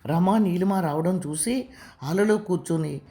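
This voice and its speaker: Give me a woman reading an audiobook story, steady and mellow, with faint music under it. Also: fairly low pitch, measured pace. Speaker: narrator.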